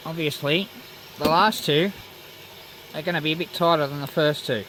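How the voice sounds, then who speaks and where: A man's voice: a little high, moderate pace. A man giving casual, matter-of-fact, step-by-step narration of hands-on metalwork. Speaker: DIY metalworking presenter. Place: home metal workshop. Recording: clear machinery noise in workshop. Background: saw running, clicks and machine noise.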